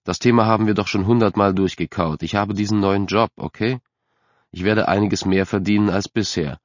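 A man's voice: lowish voice, brisk, no room sound, natural voice. A man doing a weary, persuading father. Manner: patient, persuading. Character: weary father, middle-aged man, stubborn. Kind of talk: audiobook character voice. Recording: dry, slightly dull recording.

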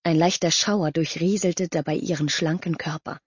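A woman reading a story aloud in an even, storytelling manner. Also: low-pitched, moderate pace, slightly rough, no room sound. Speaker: audiobook narrator. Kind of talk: scripted narration. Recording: dull lo-fi audio.

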